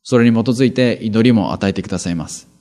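A man's voice: lowish voice, fast, mellow. A male pastor preaching, reading Bible verses aloud and then explaining them in a conversational way, with rhetorical questions and asides.

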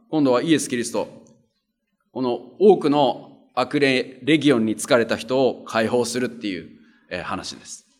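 Here a pastor with a mid-range voice gives a plain-spoken, earnest sermon that feels like conversation, reading scripture aloud and restating key points again and again.

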